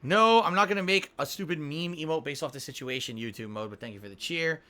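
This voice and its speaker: A man's voice: fairly high pitch, fast talker, bright, forceful tone. A man streaming a game, venting in frustration with heavy swearing and repeating himself as he reads out viewer tips. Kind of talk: casual live-stream chat.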